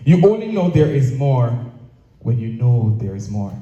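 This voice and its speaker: A Jamaican man, an association president, delivers a prepared public speech at a live event, his phrasing measured, rhetorical and deliberate, with plenty of repetition. His voice is mid-pitched, warm and deeply soft-edged, yet very animated. The lo-fi recording comes from a distant microphone in an echoey, reverberant venue.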